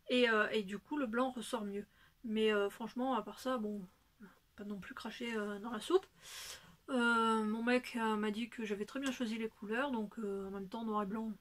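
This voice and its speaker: A woman's voice: fairly high pitch, a bit bright. A woman hosting a knitting video podcast, talking casually and rambling with many hesitations. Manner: rambling, chatty, full of hesitations. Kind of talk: casual chat.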